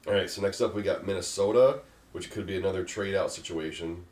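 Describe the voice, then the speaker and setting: A man hosting a casual discussion, talking in a halting way with many fillers. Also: low-pitched, darkish tone. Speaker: host. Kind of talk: casual draft pick discussion. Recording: echoey room.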